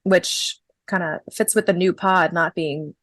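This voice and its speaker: A woman's voice: lowish voice, fairly even intonation, measured pace, no room sound. A woman in her thirties chatting casually on a podcast, wry and self-mocking. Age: 30s. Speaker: podcast host. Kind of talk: casual chat.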